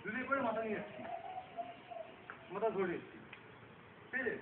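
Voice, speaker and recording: A man's voice: high voice, animated, normal speed. A man teaching self-defence in a live demonstration, often checking that his students follow. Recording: roomy, distant, phone-like sound with loud noise.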